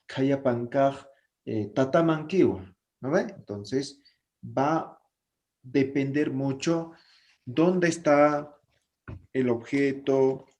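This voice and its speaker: A man's voice: mid-range voice, darkish tone. A man teaching a language class online, explaining patiently and often checking that his students follow.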